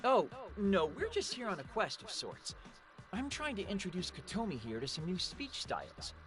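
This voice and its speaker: A cheeky, casual teenage boy in an anime game. His delivery swings wildly between easygoing and exasperated, with music clearly behind it. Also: high voice, moderate pace. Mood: chatty. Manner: casual, animated.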